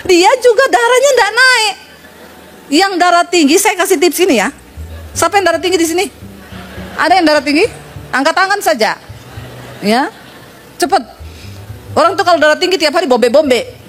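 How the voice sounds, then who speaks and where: A woman pastor with a high voice preaching to her congregation. She tells stories with humor and speaks straight to her listeners. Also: normal speed, long pauses, a bit bright, soft background music. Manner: humorous storytelling, addresses congregation. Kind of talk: sermon.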